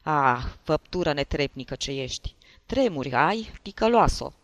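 A man voicing a tipsy, jealous husband who shouts and scolds in an audiobook. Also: fairly high pitch, animated, no echo. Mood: furious. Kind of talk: audiobook character voice.

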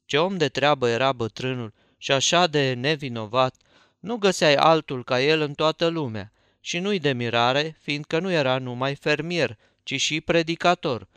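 A man reading a novel aloud in a folksy, even first-person narration. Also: a little high, clear, resonant tone, dry recording. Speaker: audiobook narrator.

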